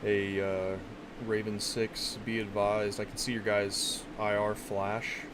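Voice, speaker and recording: A man with a low, flat voice gives clipped commands in military radio procedure. He leads a simulation game squad, and the recording is very noisy, with clicks and vehicle rumble. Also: takes it slowly.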